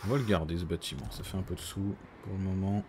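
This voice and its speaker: A man's voice: low voice, steady tone, fast talker, dark tone, slight background noise. A man giving casual co-op strategy game commentary, muttering through menus as he thinks aloud. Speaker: gaming streamer.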